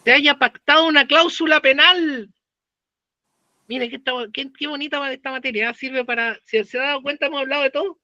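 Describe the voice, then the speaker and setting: Chilean man lecturing with a bright, high voice. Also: steady tone, brisk, no room sound, highs cut off. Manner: conversational, uses slang and rhetorical questions. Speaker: law professor.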